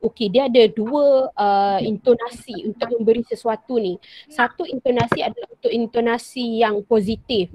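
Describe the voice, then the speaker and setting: Teaching online, this woman has a medium-pitched voice and a Malaysian Malay accent. A primary school teacher, she acts out example sentences and repeats them with patience. Her audio sounds dry, dull and lo-fi.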